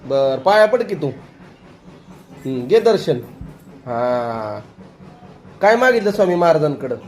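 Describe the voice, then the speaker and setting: A woman with a rural Marathi accent speaks in a fairly low voice, playful and coaxing. She questions a small child at home in a casual family vlog, recorded on a phone. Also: animated, moderate pace, a little mellow. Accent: rural western Maharashtra Marathi. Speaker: family vlogger questioning a toddler.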